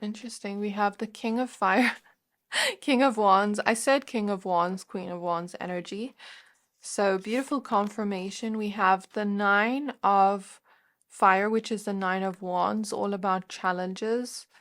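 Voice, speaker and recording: A woman hosting a pick-a-card tarot reading, her voice sitting in an ordinary middle range. She speaks to the viewer gently and reassuringly, musing aloud and pausing often to find the right words. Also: medium pitch, fairly even intonation. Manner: musing, searching for words with frequent fillers. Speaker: tarot reader.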